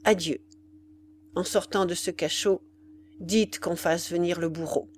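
A woman's voice: on the low side, steady tone, a little slow, a little hiss or hum, natural voice. A woman reading aloud, voicing a proud condemned young man who answers in cold, clipped replies. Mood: icy.

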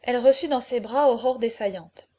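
A woman narrates a classic novel in a fairly high voice. She drops quietly on the speech tags between the characters' lines. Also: moderate pace. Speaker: audiobook narrator.

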